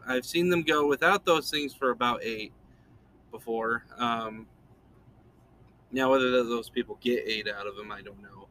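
A male podcast host talking casually at a middle pitch, laid-back and rambling. He chuckles often. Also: moderate pace, sharp tone, slight background noise. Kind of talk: casual chat.

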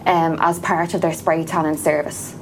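A woman's voice: low voice, little pitch movement, moderate pace, gravelly, a little hiss or hum, rough recording. A woman with an Irish accent chatting informally as an interview guest, explaining things in a casual, conversational way. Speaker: podcast guest, small business founder.

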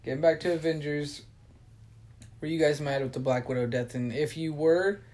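A young man co-hosting a podcast, talking casually and excitedly with slang and trailing restarts. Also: a little high, normal speed. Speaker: podcast co-host. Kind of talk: casual chat.

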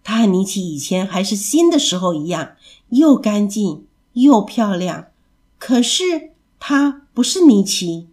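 A woman storyteller reading a children's story aloud in an expressive, animated way. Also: medium pitch, measured pace.

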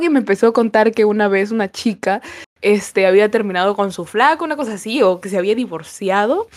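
A young woman co-hosting a casual podcast, telling stories in an animated way and laughing often. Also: mid-range voice. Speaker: podcast co-host.

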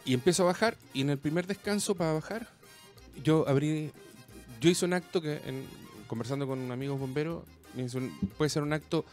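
A man with a Chilean accent telling a story in casual chat, rambling and animated, full of slang. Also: fairly high pitch, fairly quick, faint music behind.

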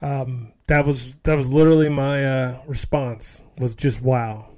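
Man, beginner podcast host, medium pitch, dry recording, casual, halting, self-deprecating. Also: steady tone, dark tone, dry recording.

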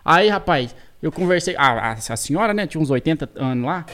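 Guest spot: quick, somewhat high-voiced man with a caipira interior accent, folksy storyteller. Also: expressive, fairly bright tone. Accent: rural Brazilian interior (caipira). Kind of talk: storytelling on a talk show.

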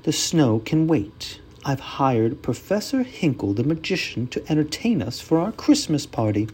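A storybook reader voicing a firm but kind female schoolteacher who speaks in a measured classroom calling voice. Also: mid-range voice, sing-song, dark tone, slight background noise, voice pushed up, natural voice. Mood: announcing. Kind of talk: storybook character voice.

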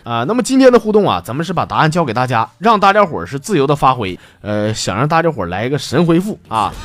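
A man's voice: mid-range voice, very animated, fast talker, a bit bright, no echo. A man with a Northeastern Mandarin accent hosting a comedy show, telling jokes in a chatty, folksy way. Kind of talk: storytelling joke monologue.

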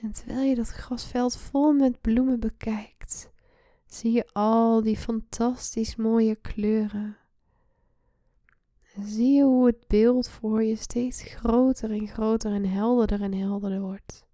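A woman leading a guided meditation in a soft, breathy, soothing voice that often slips into a hushed spa-like whisper. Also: a little high, fairly even intonation, takes it slowly, no room sound, clean studio sound. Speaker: guided meditation podcast host. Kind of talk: slow guided relaxation meditation.

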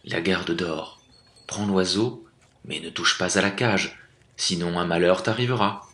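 Storybook wolf, grey, stern, loyal, man voicing, crisp bright tone, echoey room. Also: low-pitched, unhurried. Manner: steady, scolding, then forgiving. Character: big grey talking wolf, stern but loyal helper. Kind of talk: storybook reading.

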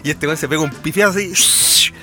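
A man's voice: on the high side, fairly quick, over music. A Chilean man co-hosting a podcast, chatting casually about films and acting out characters' lines as he retells scenes. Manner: animated storyteller, acts out characters' lines. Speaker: podcast co-host.

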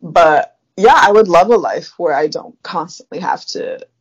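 Low-voiced young woman thinking aloud. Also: lively intonation, unhurried, slightly rough, highs cut off. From Africa. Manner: thoughtful, reflective, many fillers. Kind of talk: casual chat.

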